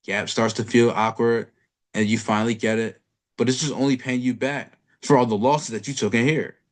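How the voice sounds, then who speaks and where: A man's voice: medium pitch, steady tone, normal speed. A man giving a casual trading lesson over a chart, blunt and profane, talking to the viewer in street slang. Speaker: trading educator.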